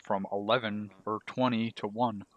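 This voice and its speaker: A man's voice: lowish voice, fairly even intonation, moderate pace, muffled recording. A man talking casually and bluntly in squad voice chat during an online military game.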